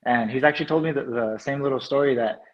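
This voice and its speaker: A man's voice: medium pitch, fast talker, highs cut off. A man from New Mexico with an American accent, chatting casually as an interview guest in laid-back, slangy phrasing. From New Mexico, United States.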